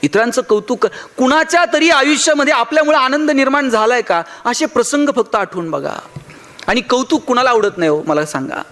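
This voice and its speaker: A man's voice: very high voice, lively intonation, fairly quick, fairly bright tone. A man giving a motivational speech in a Marathi accent, telling humorous stories and acting out the dialogue. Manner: storytelling with acted dialogue and humor. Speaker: motivational speaker.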